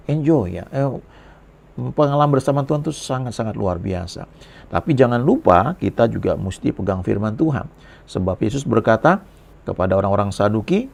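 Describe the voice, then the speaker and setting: Gravelly-voiced man preaching conversationally. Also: lowish voice, a little mellow. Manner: conversational storytelling, frequent "ya" tags. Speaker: pastor. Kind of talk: sermon testimony.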